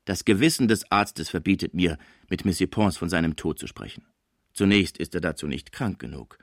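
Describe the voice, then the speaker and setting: A cautious, dignified doctor, voiced by a man with a low, measured delivery. The reading is close and dry, his phrasing formal and deliberate. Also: lively intonation, vocal fry, no room sound, heavily acted. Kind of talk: audiobook character voice.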